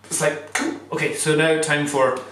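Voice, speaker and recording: Echoey, higher-voiced man vlogging casually. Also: little pitch movement, normal speed, a bit bright, a little hiss or hum. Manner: rambling, thinking aloud. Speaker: vlogger doing a cold-water challenge. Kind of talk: casual vlog talk to camera. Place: echoey indoor room with hard surfaces. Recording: very echoey room, distant mic.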